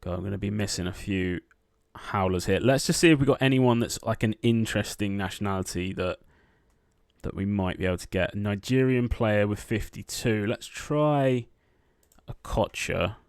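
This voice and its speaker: A man with a lowish, unhurried voice works through a quiz, murmuring guesses half to himself. His tone is smooth and clear, recorded close and dry with keyboard clicks behind. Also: no echo. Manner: muttering names half to himself, lots of ums. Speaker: quiz gameplay streamer. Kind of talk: thinking aloud while playing a quiz. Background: keyboard typing.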